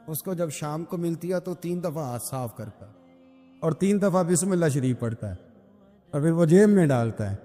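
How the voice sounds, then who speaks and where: A man's voice: high voice, mellow. A male preacher giving a sermon, telling a story and asking his listeners rhetorical questions to keep them engaged. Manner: engaging, checks the audience is listening. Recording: reverberant hall with faint music.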